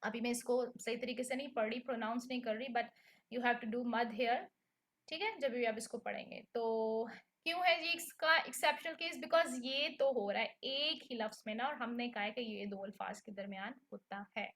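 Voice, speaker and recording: A woman's voice: fairly high pitch, normal speed, a bit bright. A woman teaching a recitation lesson, explaining patiently and often checking in with her students. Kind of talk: online lesson.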